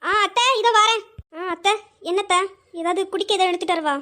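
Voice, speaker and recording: A woman's voice: very high-pitched, brisk, pushed and bright. A woman voicing an earnest young daughter-in-law who pleads politely in an amateur audio drama. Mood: pleading.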